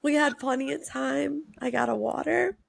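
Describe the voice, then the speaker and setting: A woman co-hosting a podcast in casual chat, hoarse and losing her voice, chatty and teasing. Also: high voice, normal speed, no room sound. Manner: chatty, teasing, laughs often. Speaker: podcast co-host.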